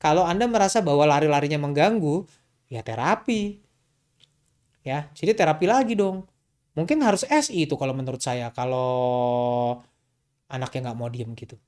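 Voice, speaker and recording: A man's voice: on the high side, moderate pace, long pauses, darkish tone. A man, a doctor, answering parents' questions in a casual, chatty way, often repeating a question back before he answers it. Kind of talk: casual explanatory Q&A talk.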